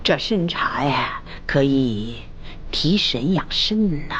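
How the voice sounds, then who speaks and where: An actress playing an elderly, shrewd empress dowager in a Chinese costume drama, measured and outwardly doting while sweetly passive-aggressive. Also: female voice, sits low, lively intonation, fairly bright tone, highs cut off, slight background noise, exaggerated voice. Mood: sweetly pointed. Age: older.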